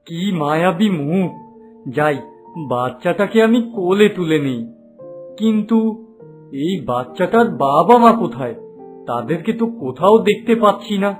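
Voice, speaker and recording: A man voicing a poor, kind-hearted village father in a cartoon, speaking gently. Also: a little high, lightly acted. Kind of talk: cartoon voice acting.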